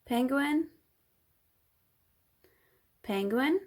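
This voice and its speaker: A woman whose first language is Turkish, teaching English vocabulary, saying each word twice slowly for learners to repeat. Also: high-pitched, animated, darkish tone. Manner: says each word twice, slow and deliberate. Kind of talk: vocabulary lesson, slow repeat-after-me drilling.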